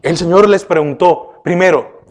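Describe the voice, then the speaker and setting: A male pastor delivering a sermon, questioning his listeners often and turning from emphatic bursts to hushed remarks. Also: high-pitched, normal speed. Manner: preaching with repeated rhetorical questions to the congregation; often addresses listeners with "oiga" and "¿verdad?".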